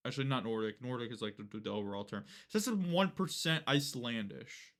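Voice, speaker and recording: Rambling young male streamer, lively pitch. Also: brisk. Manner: rambling, filler-heavy, swears casually. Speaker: livestreamer. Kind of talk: casual live-stream chat.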